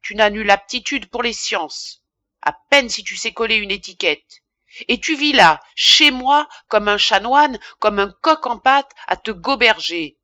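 Audiobook figure: woman reader doing an irascible, self-important male pharmacist, loud indignant tirades, bright tone. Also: fairly high pitch, animated, measured pace, no echo. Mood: ranting. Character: pompous middle-aged male apothecary, irascible.

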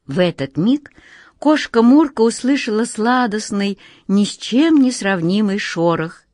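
Expressive woman narrating a children's tale. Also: medium pitch, measured pace, dry recording, studio quality. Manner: expressive, addresses listeners directly. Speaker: storyteller. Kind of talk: storybook narration.

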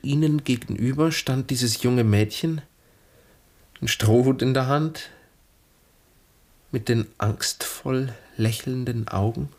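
In a 1960s German radio play, a young adult male actor voices an earnest, wistful twenty-three-year-old lieutenant. His mid-range voice moves at a slow pace with long pauses, speaking formally and probing gently.

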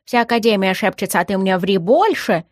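A woman's voice: medium pitch, expressive, brisk, no echo, studio quality, natural voice. A woman voicing a small, mischievous male house spirit child who tattles on his brother. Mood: teasing.

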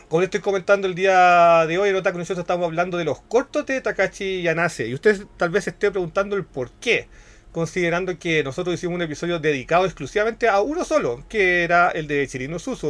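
A man's voice: high-pitched, fast, fairly bright tone. Chatty Chilean podcast host, man. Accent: Chilean Spanish. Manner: chatty, slangy, explains at length. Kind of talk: casual podcast chat.

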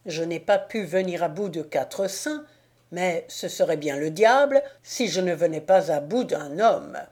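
A woman's voice: medium pitch, takes it slowly, warm tone, lightly acted. A woman putting on a whining, pleading old devil. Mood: gleeful. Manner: pleading, groaning, self-pitying. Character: whining wretched male devil disguised as old slave. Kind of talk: audiobook reading.

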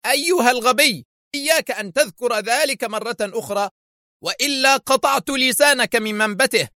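Guy doing a high sharp angry spy boss, snappy threats, dry close sound. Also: moderate pace, dry recording. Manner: sharp, shouting, menacing. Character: furious scheming male crime boss and spy. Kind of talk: audiobook character voice.

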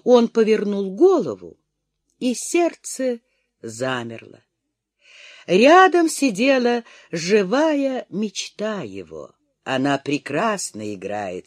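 A narrator reading a romance novel aloud in an expressive, dramatic manner. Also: medium pitch, no room sound, clean studio sound. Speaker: audiobook narrator.

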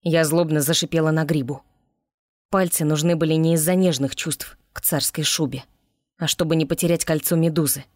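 A woman narrating a fantasy audiobook in first person with an expressive reading. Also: deep voice, normal speed, no echo, clean studio sound.

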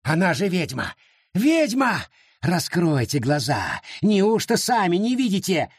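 A wild-eyed accuser screaming that a woman is a witch, his voice cracking upward into shrill yelps as he rants, performed by a man reading a storybook. The voice is husky and recorded close and dry. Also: big pitch swings, measured pace, dry recording, full character voice. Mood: frantic. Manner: shrill, frantic shouting. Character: furious grown man raving about a witch.

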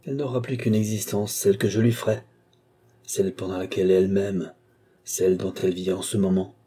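A man's voice: low-pitched, flat delivery, a little fast, mellow, husky. A man reading an audiobook, voicing a tormented male sorcerer torn between love and ambition, declaiming in passionate murmurs and outbursts. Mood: anguished.

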